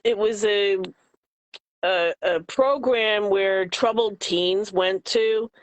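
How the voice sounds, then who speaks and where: Chatty co-host munching snacks mid-talk, mid pitch, super dry sound. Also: takes it slowly, no room sound. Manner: chatty, talks while snacking, laughs easily. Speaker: podcast co-host. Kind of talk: casual chat.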